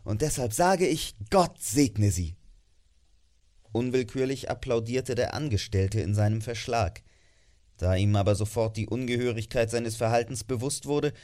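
A man narrating a classic story for an audiobook in a measured, expressive manner. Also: fairly low pitch.

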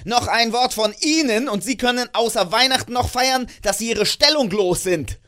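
A man reading an audiobook, voicing a grumpy, miserly old man who snaps and scoffs loudly. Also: fairly high pitch, expressive, normal speed, voice pushed up. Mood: curt dismissive. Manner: loud, snapping and contemptuous.

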